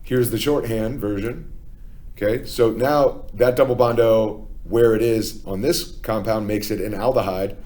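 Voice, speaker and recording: A man's voice: fairly low pitch, fairly even intonation, unhurried, darkish tone. A man with a Philadelphia accent, teaching a chemistry lesson step by step and often checking in with "okay?". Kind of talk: classroom lecture.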